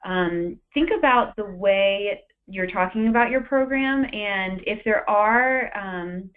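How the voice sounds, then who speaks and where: A woman trainer coaching a trainee over a call, relaxed and full of little fillers as she explains. Her voice comes through a thin, tinny phone line. She sits at a middle pitch. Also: slow pace. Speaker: webinar presenter and trainer. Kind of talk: training webinar, coaching and mock interview.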